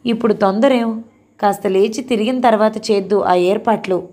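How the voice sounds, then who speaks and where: A woman voicing a caring young daughter-in-law who speaks softly and reassuringly. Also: mid-range voice, fairly even intonation, moderate pace, close to an everyday voice.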